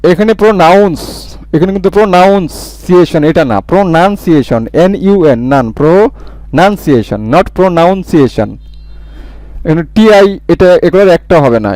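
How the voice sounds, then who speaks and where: A man's voice: on the high side, a little mellow, no echo. A man teaching an exam-prep English grammar lesson, repeating key words and asking and answering his own questions. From Bangladesh.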